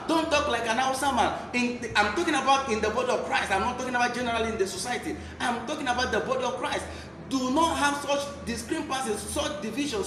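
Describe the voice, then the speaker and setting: A man with a Nigerian accent preaching a Bible teaching sermon in an emphatic, repetitive way. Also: very high voice. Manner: emphatic, repeats key phrases. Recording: echoey room, clear background noise.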